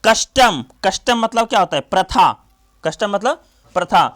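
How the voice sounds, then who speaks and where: A man's voice: high-pitched, animated, normal speed, fairly bright tone. A male coaching teacher giving a classroom grammar lesson, drilling students with repeated questions and then answering them himself.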